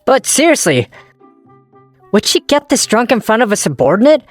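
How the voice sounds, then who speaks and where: A woman dubs a manga role, a young male office worker and ex-boyfriend who is introspective and wryly self-deprecating, both narrating and speaking in character. Sounding puzzled, her slightly high voice swings widely in pitch at normal speed, with faint music behind.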